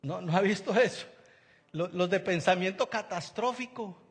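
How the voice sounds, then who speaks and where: A man with a high, bright voice preaches a lively sermon. He acts out the people he quotes and keeps asking his listeners questions. Long reverb hangs on his words, as in a church hall. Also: moderate pace.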